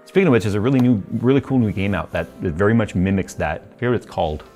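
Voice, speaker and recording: A man in his forties with a fairly low voice gives a casual, rambling tech review full of asides and ums. He talks from a studio room and desk setup, recorded on a camera mic. Faint music plays underneath. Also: quick pace, darkish tone. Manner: chatty, rambling asides with frequent ums and laughs. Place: studio workshop and desk setup with purple and red lighting.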